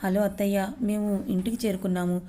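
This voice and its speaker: Woman as a resolute young wife, mellow flat voice, audio story. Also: mid-range voice, a little fast, lightly acted. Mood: earnest. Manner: firm, resolute. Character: determined young wife, steady.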